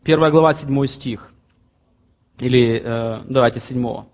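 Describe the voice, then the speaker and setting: A man's voice: medium pitch, normal speed, a little mellow. A man in his late thirties preaching a sermon, earnestly reading scripture and explaining it with plain everyday examples. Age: 30s. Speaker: pastor.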